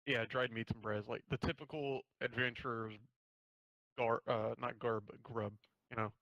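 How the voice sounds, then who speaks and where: A male game master narrating a tabletop fantasy game, mid-pitched and casual. His talk rambles and he swears freely. The sound is close and dry. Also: steady tone, normal speed, fairly bright tone, dry recording, highs cut off.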